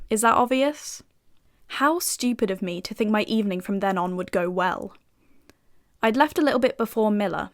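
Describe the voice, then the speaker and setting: A woman's voice: mid-range voice, fairly bright tone, natural voice. British actress as a cocky young female FBI agent narrating her own audio drama, dry sardonic wit, mid-range voice. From United Kingdom.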